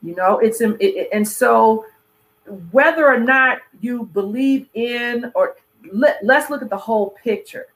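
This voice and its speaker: Calm, measured conversational voice. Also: mid-range voice, rough recording. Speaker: host. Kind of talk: casual conversation.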